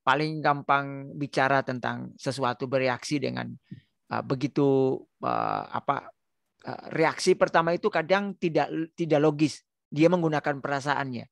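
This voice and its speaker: A middle-aged man, a pastor, talking through a story in casual sermon-like chat, with many pauses, restarts and fillers. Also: medium pitch, animated, vocal fry, no room sound, studio quality. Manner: hesitant, many restarts and fillers, tells stories.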